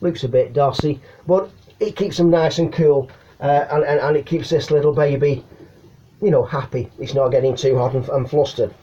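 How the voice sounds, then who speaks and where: A middle-aged CB radio hobbyist with an English accent explains things casually to camera from his small home attic, using slang, hesitating and repeating himself. His mid-range voice is warm and steady at normal speed, with highs cut off and a little hiss or hum.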